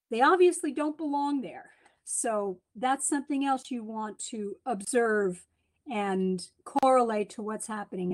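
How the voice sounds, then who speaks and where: A middle-aged woman giving a chatty slide lecture from home over a webcam, with many ums and restarts. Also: on the high side. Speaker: beekeeping speaker. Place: home room, indoors. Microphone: webcam on a video call.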